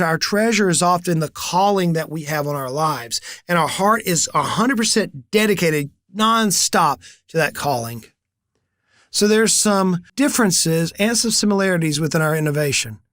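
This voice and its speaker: Speaking at a normal speed, a business coach and channel host in his forties gives an animated talk straight to camera. His fairly high voice is a bit bright, with lively intonation, as he tells stories with energy and acts out the conversations he cites. The recording is clean studio sound with no room sound.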